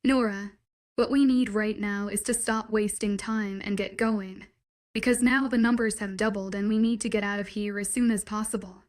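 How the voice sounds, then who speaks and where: A woman's voice: mid-range voice, steady tone, normal speed, natural voice. A woman reading as an angry, commanding young man. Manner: curt, clipped orders.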